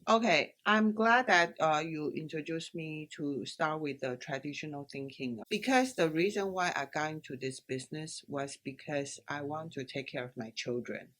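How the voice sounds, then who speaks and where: Low-voiced middle-aged woman from Taiwan. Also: normal speed, hardly any pauses, a bit bright. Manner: hesitant, many fillers and restarts. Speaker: interview guest, business owner. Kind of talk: casual interview answers.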